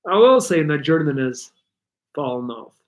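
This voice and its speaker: A Dutch-born livestream host answers viewers in relaxed English, rambling a bit, reading chat aloud, and articulating certain sounds slightly differently. His voice runs on the high side at a moderate pace.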